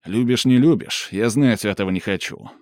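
A man's voice: fairly low pitch, normal speed, darkish tone, no echo, clean studio sound, close to an everyday voice. A man voicing a stern, domineering young man who scolds and commands harshly. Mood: angry.

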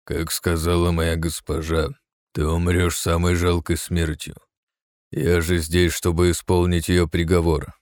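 A man voicing a cold male archmage assassin who speaks quietly, slowly and flatly. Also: low-pitched, no echo, studio quality. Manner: quiet, slow, flat threats.

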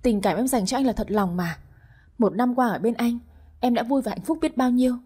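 Brief: woman doing a pushy young mistress, higher and sharp-tongued, husky tone. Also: a little fast. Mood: tearful pleading. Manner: shrill, rude, tearful pleading. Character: young scheming female mistress, shrill and tearful.

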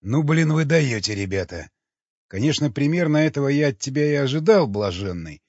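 A man reading an audiobook, voicing a cynical, mocking cannibal who teases and calmly questions. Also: mid-range voice, normal speed, dry recording, pitched above the performer's own voice, natural voice. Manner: sardonic, teasing, calmly questioning. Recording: dull lo-fi recording.

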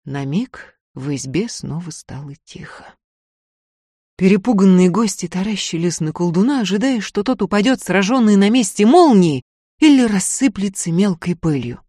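A woman narrating a folk tale audiobook in a dramatic, expressive reading. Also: mid-range voice, moderate pace, breathy edge, no echo, studio quality. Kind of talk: storytelling narration.

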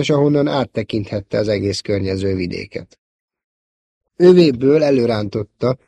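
A man reading a novel aloud as an audiobook narrator, in a steady, measured storytelling manner. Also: mid-range voice, slightly rough, dry recording, studio quality. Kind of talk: scripted narration.

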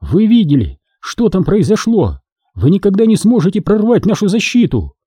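A man reading an audiobook, voicing a defiant captive native woman warrior who shouts back at her captors. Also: sits high, big pitch swings, moderate pace, slightly rough, dry recording, clean studio sound, pitched above the performer's own voice, heavily acted.

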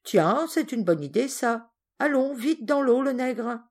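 A woman's voice: mid-range voice, animated, normal speed, lightly acted. A woman voicing a spoiled, arrogant young boy who gives orders and sneers. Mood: bossy sneering. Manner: commanding, sneering.

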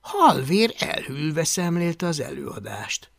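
A male audiobook reader tells the story in a gravelly, bright voice with a lively, moving pitch. His delivery is expressive and sits a little high for a man, and the recording is dry and close. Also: dry recording. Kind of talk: audiobook narration.

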